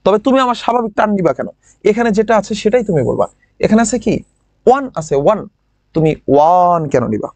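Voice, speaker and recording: Lively high-voiced Bangladeshi teacher. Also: male voice, dry recording. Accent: Bangladeshi Bangla with a regional lilt. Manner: drills words by repeating them slowly, asks students questions. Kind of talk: online admission-prep class.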